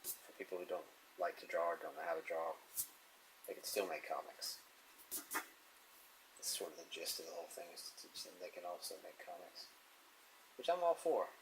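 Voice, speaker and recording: A man's voice: low-pitched, lively intonation, normal speed, vocal fry, pauses often, background noise. A man musing and chuckling to himself as he draws, talking casually about comics and his sketch. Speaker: artist drawing on camera. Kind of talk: casual narration while drawing.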